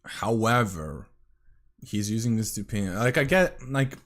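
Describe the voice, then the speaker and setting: Male host, casual reaction chat, eats and coughs between lines, middling pitch. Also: expressive, normal speed. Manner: talks while chewing, coughs and clears throat. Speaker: commentary host.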